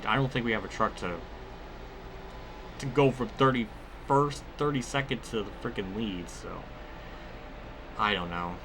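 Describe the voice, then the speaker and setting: This is a gaming video host with a lowish voice, giving loose, rambling commentary on a racing game amid background noise. Exclamations frequently break into his own sentences.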